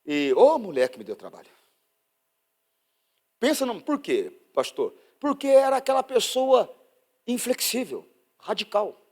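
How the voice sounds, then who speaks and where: A Brazilian pastor preaches with a lively, high-set voice that climbs and drops all over. He bursts out loud, then sinks into quiet asides. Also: measured pace, long pauses. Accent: Brazilian Portuguese. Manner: animated preaching, swinging from loud outbursts to hushed asides. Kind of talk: sermon.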